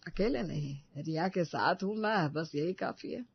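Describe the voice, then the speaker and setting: A woman voicing a gentle quiet old father. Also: fairly low pitch, expressive, measured pace, gravelly, breathy edge, muffled recording, exaggerated voice.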